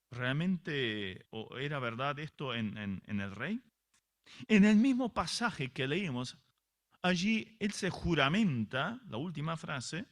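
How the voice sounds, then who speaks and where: A man's voice: fairly high pitch, fairly bright tone. A man preaching a sermon as pastor, asking rhetorical questions and often restarting his phrases.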